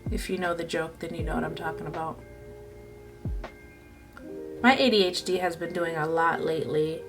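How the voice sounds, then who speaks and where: A woman's voice: sits low, moderate pace, soft background music. A woman chatting playfully through a makeup tutorial, joking to herself as she works. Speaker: beauty vlogger. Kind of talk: casual makeup tutorial chat.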